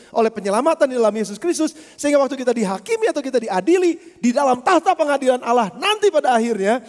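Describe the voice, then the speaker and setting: A male pastor delivers a lively sermon, pushing his words out loudly and then dropping into quiet asides. His voice sits very high for a man. The long reverb of a church hall hangs behind every phrase. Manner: lively preaching, swings from loud emphasis to low asides.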